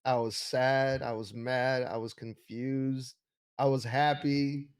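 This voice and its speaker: A man's voice: mid-range voice, level tone, takes it slowly, clear, resonant tone. Podcast guy talking casually, retells what ppl said, conversational commentary. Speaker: podcast co-host.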